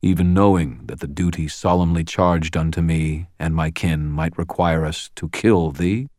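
A man voicing a huge horned fae creature who rumbles in stiff, archaic formal speech. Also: steady tone, moderate pace, darkish tone, dry recording, clean studio sound, natural voice.

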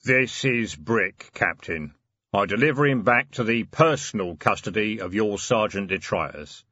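A man doing a deep, grave hooded stranger. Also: animated, sharp tone, slightly rough, dry recording, dull audio, heavily acted. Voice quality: deep, measured and solemn. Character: hooded broad male stranger, grave and mysterious.

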